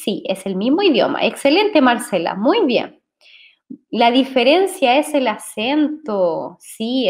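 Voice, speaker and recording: A woman teaching a Spanish lesson, patient and explanatory, often checking in with her listeners. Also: on the high side. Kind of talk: language lesson to camera.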